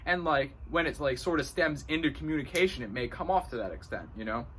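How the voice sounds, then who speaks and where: In his room at home, a man with a slightly high, expressive, somewhat bright voice talks fast while hosting an astrology video. He explains things casually to camera, rambling, slangy, and profane, saying "you know" a lot, with a little hiss or hum in the audio.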